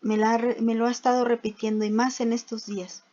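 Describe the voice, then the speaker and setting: Predicadora que da un estudio bíblico, preguntas retóricas, voz alta, sonido opaco. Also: female voice, on the high side, level tone, fairly quick, warm tone. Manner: asks rhetorical questions, reads scripture aloud. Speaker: preacher. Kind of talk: bible teaching. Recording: dull lo-fi recording.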